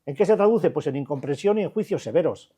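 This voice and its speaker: A man's voice: on the high side, lively intonation, fast talker, dark tone, breathy edge. Older Basque man, blunt group talk. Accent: Spanish, Basque Country. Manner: colloquial and blunt, many restarts and rhetorical questions. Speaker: addiction recovery counselor. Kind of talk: informal talk to a recovery group.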